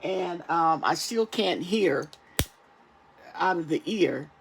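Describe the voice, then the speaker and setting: A tarot reader talking casually to camera while getting over an illness, halting and repetitive, often tagging phrases with a questioning check-in. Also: medium pitch, animated, creaky, a little hiss or hum, low-quality recording. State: recovering from an ear infection. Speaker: tarot reader, channel host.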